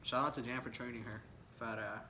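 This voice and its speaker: A young man tells stories in a relaxed, slangy way, wandering off track and chuckling as he goes. He sits at a medium pitch. There is steady background noise in the room. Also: fairly quick. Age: young adult. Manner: laid-back, slangy and rambling, laughs often. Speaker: vlogger. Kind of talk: casual story time chat.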